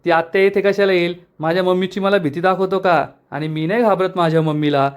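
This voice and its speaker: Man quoting a cheeky young woman, playful, teasing, fairly high voice. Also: steady tone, brisk, clean tone, natural voice. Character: cheeky, carefree young woman, lovestruck daughter.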